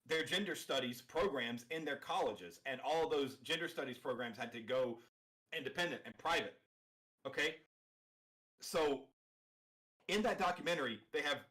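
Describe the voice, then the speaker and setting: A man's voice: mid-range voice, fairly bright tone, low-quality recording. A man co-hosting a reaction video, talking emphatically and insistently, often repeating himself. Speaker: co-host reacting to a panel video. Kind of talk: casual reaction commentary.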